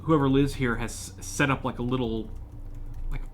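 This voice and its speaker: Halting male game master, faint noise. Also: medium pitch, fairly even intonation. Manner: halting, searching for words as he describes. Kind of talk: improvised tabletop game narration. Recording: slightly noisy room recording.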